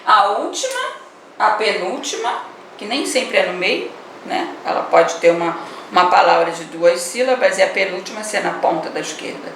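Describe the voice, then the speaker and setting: A woman's voice: medium pitch, lively intonation, normal speed, a bit bright. A woman teacher with a Brazilian Portuguese accent giving an online class, explaining patiently and often adding a questioning "né?". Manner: explanatory, repeats words and adds "né?". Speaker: primary school teacher. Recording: echoey room, voice from a distance, faint noise.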